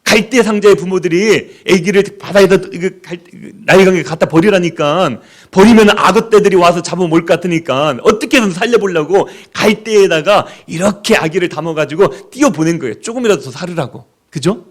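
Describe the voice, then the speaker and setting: A man's voice: high voice, brisk. A man preaching a sermon as pastor, in a conversational style, acting out the voices of the people he quotes and sometimes dropping to a whisper.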